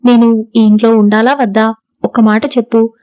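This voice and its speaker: An enraged young husband barks orders and scolds in a storybook reading, as a woman narrator puts him on. The delivery stays level and mellow, in a dry, slightly dull recording. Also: fairly high pitch, level tone, moderate pace, clear, resonant tone, no echo, natural voice. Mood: exasperated. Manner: angry, scolding, commanding. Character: furious young husband shouting at his wife. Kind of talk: audiobook character reading.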